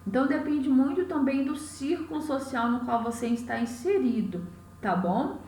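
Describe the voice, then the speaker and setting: A woman's voice: high voice, lively intonation, normal speed, mellow, slight background noise. A woman from Goiás with a Goiás accent, teaching an exam-prep class step by step and often checking in with "né?" and "tá?". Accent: Goiás Brazilian Portuguese. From Goiás, Brazil. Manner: explains step by step, often asks "né?" and "tá?". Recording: echoey room, mic at a distance.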